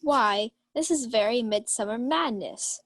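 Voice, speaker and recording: A woman's voice: on the high side, a little slow, fairly bright tone, no echo, studio quality. A woman playing a proud, lovestruck young lady of the house in a Shakespeare radio play, formal and declamatory. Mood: puzzled, commanding. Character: Olivia, proud lovestruck young noblewoman, commanding her household. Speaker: student actor.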